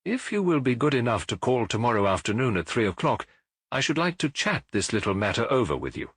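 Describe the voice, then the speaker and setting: A man's voice: medium pitch, sing-song, a little fast, fairly bright tone, breathy edge, no echo, studio quality. A man voicing a clever, nonchalant Victorian detective in a storybook, urbane, precise and breezy. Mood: courteous. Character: brilliant, nonchalant Victorian male detective, brisk and amused.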